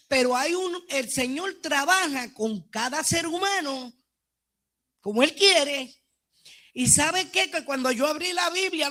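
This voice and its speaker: A woman with a Puerto Rican accent shares a heartfelt testimony in church. Her voice sits very high and rings bright and forceful. She drops to a hush and then surges to near-shouts. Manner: fervent, swinging from hushed to near-shouting. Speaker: church member giving testimony. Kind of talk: emotional personal testimony in a church class.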